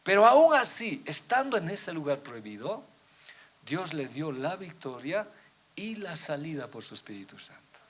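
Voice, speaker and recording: A man preaching a sermon to his congregation, reading scripture aloud and asking rhetorical questions, swinging between loud emphatic peaks and quiet low drops. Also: very animated, slightly rough. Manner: addresses listeners as brothers, asks rhetorical questions; reads scripture aloud, often slowing down. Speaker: pastor.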